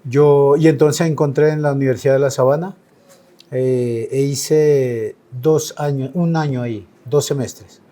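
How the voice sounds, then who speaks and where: A man's voice: mid-range voice, steady tone, measured pace, mellow. A man in his sixties from Colombia, a painter giving an interview, speaking reflectively with frequent hesitations. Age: 60s. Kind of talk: relaxed conversational interview.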